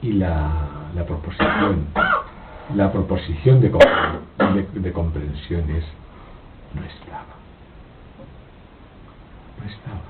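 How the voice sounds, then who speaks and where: A man giving a slow, reflective philosophical talk, halting and repeating his words, with frequent rhetorical questions. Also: recorded from a distance. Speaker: spiritual speaker giving a talk. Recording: old lo-fi tape, phone-like, noisy with rumble.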